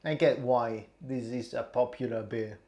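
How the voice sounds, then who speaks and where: Slow-talking tipsy young man. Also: medium pitch, steady tone, mellow. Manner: rambling, halting, repeats words. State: tipsy and queasy. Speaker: streamer. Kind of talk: casual vlog, taste testing.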